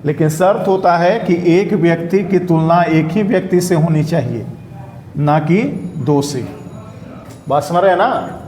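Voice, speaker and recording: A man's voice: on the high side, a little slow, a little mellow. Male teacher in an echoey classroom. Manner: quizzes students, keeps asking if it is clear. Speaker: English teacher. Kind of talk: interactive classroom lecture. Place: classroom with students. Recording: echoey classroom room sound.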